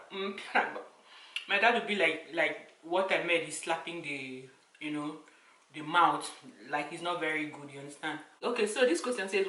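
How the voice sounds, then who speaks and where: A woman's voice: sits low, fairly bright tone, reverberant, distant mic, low-quality recording. A young adult woman with a Nigerian accent, chatting casually to her viewers as she answers questions, telling stories with emphatic repetition. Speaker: vlogger.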